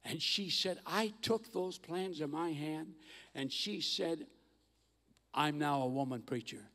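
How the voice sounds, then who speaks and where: An older man telling mission stories in a sermon on a church stage, animated and acting out the voices of the people in his stories. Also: a little high, takes it slowly. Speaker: guest missionary speaker. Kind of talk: storytelling sermon. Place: large church auditorium stage. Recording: long hall reverb.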